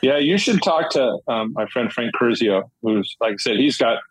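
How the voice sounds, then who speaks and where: Middle-aged man, husky voice, dry close sound, rambling interview guest, lots of restarts. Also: medium pitch, animated, normal speed, dry recording, low-quality recording. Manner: rambling, with many restarts and fillers. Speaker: guest, commercial real estate dealmaker. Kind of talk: casual interview storytelling.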